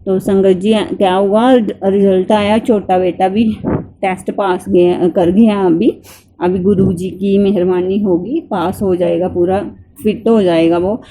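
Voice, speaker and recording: A woman's voice: mid-range voice, fairly even intonation, dark tone. A woman giving devotional testimony to a congregation, telling her story earnestly, repeating herself and often restarting her sentences. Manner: earnest storytelling, often addressing listeners directly; repetitive and halting, with frequent restarts.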